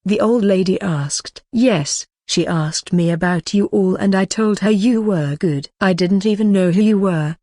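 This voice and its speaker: A woman reading a fan-fiction audiobook in an even, uninflected voice, doing every character the same way. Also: on the low side, no echo, studio quality. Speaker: audiobook narrator. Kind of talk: scripted fan-fiction narration.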